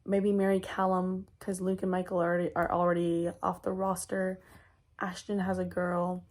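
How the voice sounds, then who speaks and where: A woman's voice: on the low side, monotone, normal speed, darkish tone. A young woman chatting casually in a vlog, rambling, with lots of fillers and restarts. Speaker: vlogger.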